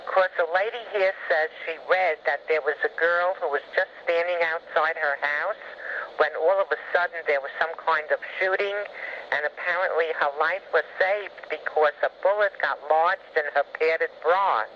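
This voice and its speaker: A woman's voice: deep voice, moderate pace. An older woman leaving fussy, worried voicemail messages for her daughter, played back from an answering machine. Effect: answering machine voicemail playback. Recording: dull lo-fi answering machine tape, faint hiss.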